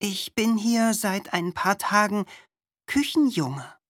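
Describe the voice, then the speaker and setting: Storybook kitchen boy, shy and hesitant, stammers, as a woman puts on a higher voice; dry sound. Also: lively intonation, slow pace, dry recording. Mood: timid.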